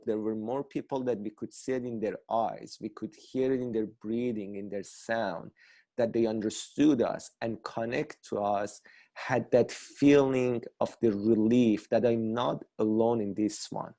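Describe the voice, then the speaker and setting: A man directing a theater project, speaking earnestly with halting phrasing in an online workshop over a video call. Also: medium pitch, mellow.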